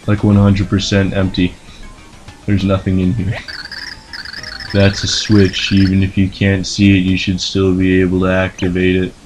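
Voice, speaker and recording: A man's voice: low-pitched, completely flat delivery, normal speed. A man giving joking, casual commentary while playing a video game, with game music behind. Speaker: let's play commentator.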